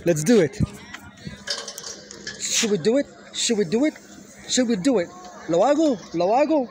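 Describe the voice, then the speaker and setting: A middle-aged man giving an excited, casual vlog commentary, exclaiming and repeating his phrases. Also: high voice, normal speed. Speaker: vlogger. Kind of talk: excited casual phone vlog, switching between two languages. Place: large outdoor stadium at night. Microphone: handheld phone. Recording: noisy phone recording, loud stadium crowd.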